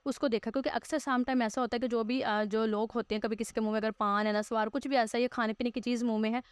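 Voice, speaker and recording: A Pakistani woman teaching a school lesson, explaining slowly with fillers and repeating herself, mixing English textbook lines into her talk. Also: on the high side, fairly even intonation, smooth, dry recording.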